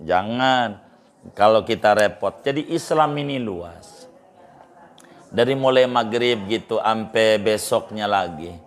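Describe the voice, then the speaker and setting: A man's voice: on the low side, takes it slowly. A man preaching in an informal, emphatic way, answering questions and repeating phrases for stress. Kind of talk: casual religious advice talk.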